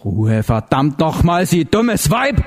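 A man reading an audiobook voices a stern, angry husband who talks in gruff commands. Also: mid-range voice, steady tone, moderate pace, a little mellow, close to an everyday voice.

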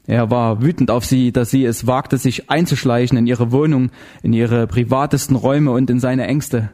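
A man narrating an audiobook in a measured, dramatic way. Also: medium pitch, fairly even intonation, dark tone. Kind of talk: scripted narration.

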